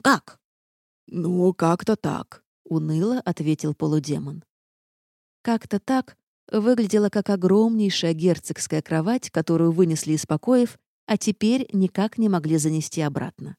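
A woman reading a first-person audiobook with lively, ironic storytelling. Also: lowish voice, normal speed, no room sound, studio quality. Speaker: audiobook narrator.

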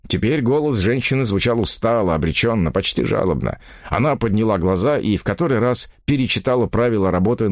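Expressive male audiobook reader. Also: on the low side, no echo, studio quality. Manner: expressive, measured storytelling. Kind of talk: audiobook narration.

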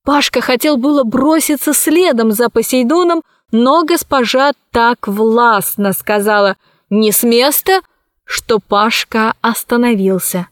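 A woman narrates an audiobook in a calm, even storytelling voice. She reads very slowly with a fairly high voice. The recording is dry and close. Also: dry recording. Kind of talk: scripted narration.

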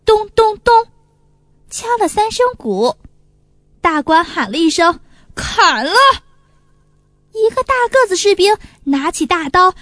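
A woman reading a children's folk tale aloud, expressive and animated. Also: very high voice, no room sound, studio quality. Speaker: storyteller. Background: faint music.

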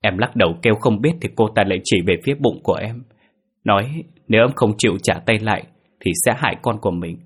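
A man's voice: on the low side, quick pace, slightly rough. A man voicing a frightened, fiercely protective pregnant young wife who pleads and sobs in panic. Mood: terrified.

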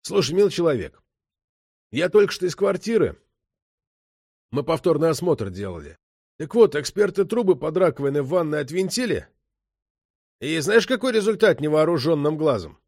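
A man's voice: on the high side, very animated, normal speed, long pauses, a little mellow, husky, no room sound, clean studio sound, heavily acted. A man doing a shrewd veteran police chief. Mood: persuasive. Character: seasoned middle-aged male police chief, calm, shrewd.

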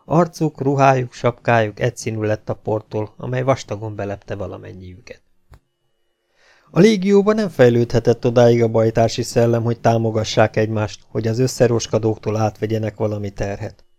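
A man reading an adventure novel aloud as an audiobook narrator, with a steady, slightly dramatic delivery. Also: mid-range voice. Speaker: audiobook reader.

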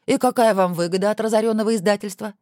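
A woman voicing a lively, witty wife who is an editor, with playful exclamations. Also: medium pitch, fast talker, dry recording, clean studio sound, pitched above the performer's own voice, natural voice.

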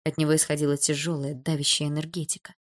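Low-voiced woman narrating an audiobook. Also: little pitch movement, fast talker.

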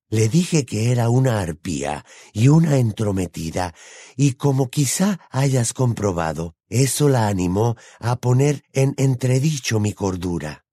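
A man voicing an emotional old male wizard in an audiobook, with a high, halting voice and a slow, quavering, earnest delivery. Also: very animated, mellow, husky, no echo, studio quality, full character voice. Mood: indignant. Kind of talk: audiobook character voice.

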